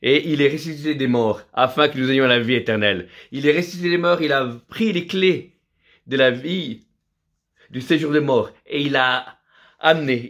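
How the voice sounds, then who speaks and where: A man's voice: mid-range voice, fairly bright tone. Fervent male preacher with alleluias. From Vietnam. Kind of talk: sermon.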